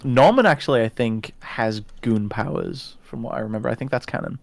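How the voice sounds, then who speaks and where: A man's voice: medium pitch, a little fast, creaky. Easygoing man chatting in a game. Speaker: player. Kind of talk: casual banter with friends.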